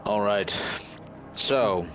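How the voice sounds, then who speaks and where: A man voicing a terse, commanding stranger with a gravelly voice on the phone. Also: on the low side, extremely slow, soft background music. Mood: curt.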